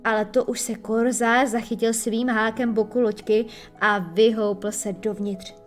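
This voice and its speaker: A woman narrating a children's storybook in a lively, expressive way. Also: a little high, soft background music. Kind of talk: storybook reading.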